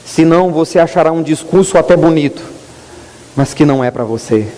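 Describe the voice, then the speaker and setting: Man, pastor preaching, mellow voice, long church reverb. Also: a little high. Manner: earnest preaching, rising emphasis and slow drawn-out stresses. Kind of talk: sermon.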